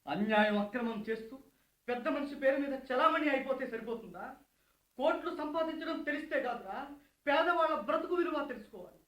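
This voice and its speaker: Guy doing a grieving angry dad in a radio play, high pitched voice, yelling accusations. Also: expressive, a little fast, echoey room. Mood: bitter, accusing. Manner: impassioned, accusing outbursts. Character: grieving poor man, angry and vengeful. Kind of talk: radio drama acting.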